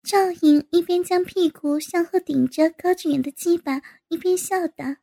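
A woman narrating an erotic audio story in a steady storytelling manner. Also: very high-pitched, normal speed, gravelly.

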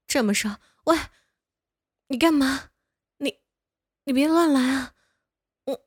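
A woman's voice: on the high side, slow pace, dry recording, studio quality. A young woman voicing a bossy but caring older neighbor woman who scolds and coaxes the listener in a one-sided audio role-play. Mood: caring, scolding. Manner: playful scolding, coaxing.

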